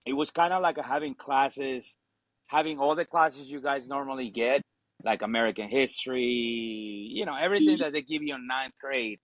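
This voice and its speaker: With a mid-range, slightly bright voice at a moderate pace, a man tells his story casually as a podcast guest. He's a Marine veteran from Ecuador, in his 40s, with Spanish as his first language, and his informal talk is dotted with swearing, "you know," and "obviously." The audio is rough, with no room sound.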